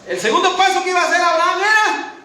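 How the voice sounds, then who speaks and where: High, bright-voiced preacher in echoey church. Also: male voice, quick pace, distant mic. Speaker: pastor. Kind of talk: sermon. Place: church hall. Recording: echoey church hall from afar, faint hiss.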